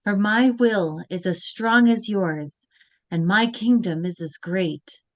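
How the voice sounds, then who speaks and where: Reading slowly at medium pitch, a woman voices the teenage girl lead during a live read-through over a video call microphone. Her lively performance shifts between whiny protest and grand recital, interrupted by laughter at her own mistakes.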